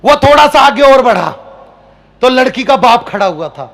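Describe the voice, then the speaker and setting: A man with a very high voice performs a comic story on stage at a poetry gathering. He tells it with animated energy, jumping between characters as he goes. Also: moderate pace. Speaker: comic poet.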